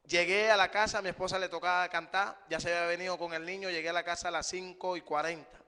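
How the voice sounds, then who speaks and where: A man preaching a sermon, emphatic, often rising and then dropping to a hush, calling his listeners brother. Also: high-pitched, flat delivery, fast, smooth. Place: church hall. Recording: live stream with long hall reverb.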